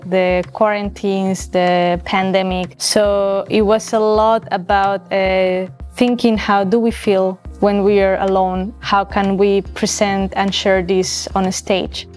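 A woman's voice: mid-range voice, flat delivery, slow, few pauses, darkish tone, soft background music. A woman in her thirties from Valencia, Spain, speaking English in an interview, hesitant and searching for words. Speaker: choreographer. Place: large dance studio.

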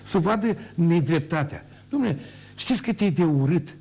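A man's voice: on the high side, expressive, gravelly, darkish tone, slightly rough. An older man, a former mayor, ranting emphatically on his own TV show, repeating words for force. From Romania. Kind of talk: heated televised monologue.

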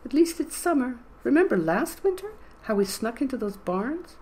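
A storyteller voicing a young man disguised as a frail old woman, talking in a high, quavery, fussy way. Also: big pitch swings, normal speed, a little mellow, husky, full character voice. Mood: doddering. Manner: doddering grandmotherly fuss. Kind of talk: audiobook character voice.

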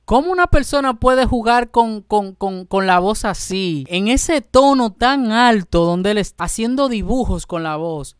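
A young man hosting a reaction video, talking casually and excitedly, breaking into exclamations and calling out to his viewers. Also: high-pitched, a little slow, hardly any pauses, smooth.

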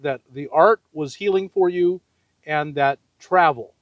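Older man, higher-pitched voice, slightly dull sound. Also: measured pace, dry recording. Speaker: interviewer, host. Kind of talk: casual interview. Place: outdoors on open desert gravel lot.

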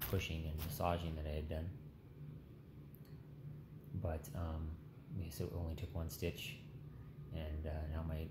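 Lying in bed in a small hospital room, a man in his thirties gives a patient-vlogger recovery update to a phone held at arm's length. His extremely low voice comes out weak, tired and subdued after surgery, halting and casual, with a sore throat. The phone recording is roomy and noisy.

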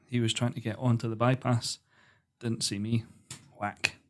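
A young man talks through his stories at an easy, unhurried pace. His voice sits at an ordinary middle pitch. He sounds calm and untroubled as he chats as a podcast guest. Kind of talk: casual chat.

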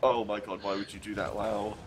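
A young man streaming a game, chatting casually and reacting with animated, joking remarks. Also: on the low side, a little fast, heavy background noise. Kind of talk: casual chat while gaming. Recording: game music playing behind the voice.

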